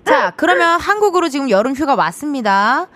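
A woman's voice: high voice, very animated, brisk, a bit bright. A woman hosting a radio show, chatting playfully and exclaiming often with a caller. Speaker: radio host. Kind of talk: casual radio talk with a caller. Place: radio studio. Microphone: studio microphone.

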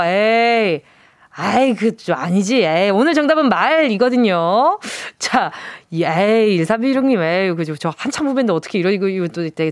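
A woman's voice: on the high side, dry recording. A woman radio DJ in a studio, playfully chatting and reading out listener messages. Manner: playful, chatty, reads listener texts with quick reactions. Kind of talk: casual radio show chat. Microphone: studio mic.

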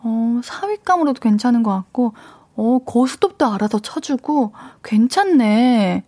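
Female radio host, higher-pitched, dry close studio sound, chatty and direct with listeners. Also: expressive, a little slow, dark tone, no room sound. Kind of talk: casual radio chat reading listener messages. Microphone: studio microphone.

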